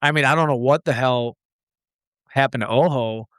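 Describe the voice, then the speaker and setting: A man's voice: mid-range voice, moderate pace, a bit bright, clean tone, no room sound. A man talks in an easygoing, meandering way, piling up "like" and "dude" as he goes. His voice sits in a middle range. It is recorded close and dry with no room sound. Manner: laid-back, rambling, says dude and like a lot. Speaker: podcast guest. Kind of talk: casual chat.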